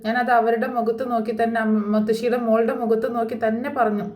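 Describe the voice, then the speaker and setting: A hurt, defiant young woman, as a storyteller puts her on speaks in an earnest, halting way. The voice sits a little high, and the room around her echoes. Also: little pitch movement, darkish tone, close to an everyday voice.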